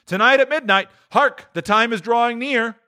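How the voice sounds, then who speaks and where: A man voicing an aging male spirit in a storybook reading, grave and accusing, rising to loud cries. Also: extremely high pitch, normal speed, pitched above the performer's own voice. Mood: urgent. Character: aging giant male spirit, solemn and stern.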